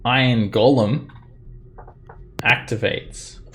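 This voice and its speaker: A man running an online tabletop game as game master, narrating casually with halting, improvised phrasing. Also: mid-range voice, fairly even intonation, a bit bright, a little hiss or hum.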